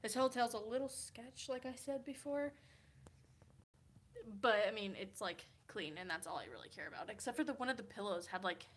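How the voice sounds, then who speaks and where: Livestreaming from a hotel room, a tired Kansas woman in her early twenties reads comments and rambles chattily, full of "like" fillers and frequent laughter. Her voice is a little high and brisk, with a breathy edge.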